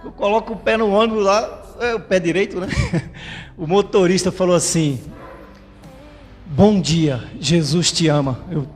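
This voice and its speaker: A man's voice: high-pitched, a little slow, long pauses, darkish tone, in a large hall. A man preaching a sermon as pastor, fervent and conversational, tagging his phrases with a questioning "right?". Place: church livestream.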